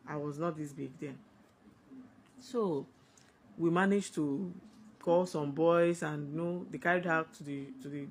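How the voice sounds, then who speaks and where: A woman's voice: low-pitched, poor audio. Nigerian woman telling a story over background noise. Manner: emphatic, repeats phrases for effect. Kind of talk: personal scary storytime, conversational.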